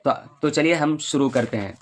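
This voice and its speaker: A man, a madrasa teacher, giving a patient beginner's lesson and reciting the alphabet slowly, letter by letter. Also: fairly high pitch.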